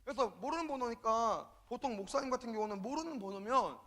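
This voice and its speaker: Guy youth pastor preaching, kinda high voice, acts out all the dialogue, goes quiet then loud. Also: quick pace. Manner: animated, acts out quoted dialogue, swings between loud and soft. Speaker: youth minister. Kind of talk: storytelling sermon.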